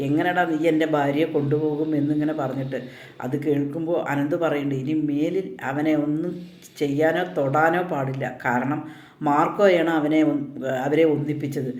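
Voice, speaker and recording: A man's voice: on the high side, fairly even intonation, normal speed, darkish tone. A man casually retelling an upcoming soap opera episode, quoting the characters' lines as he goes. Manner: retells scenes with quoted dialogue, frequent tag "കേട്ടോ". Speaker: serial episode recap narrator. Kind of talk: casual spoken plot preview. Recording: echoey room.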